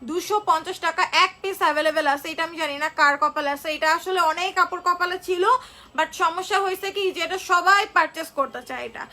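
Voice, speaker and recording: A woman from Bangladesh, unwell, selling products on a phone live stream. She talks slowly and chattily, repeating prices and answering viewers. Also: very high voice, sharp tone. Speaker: online shop seller. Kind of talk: live-stream sales pitch.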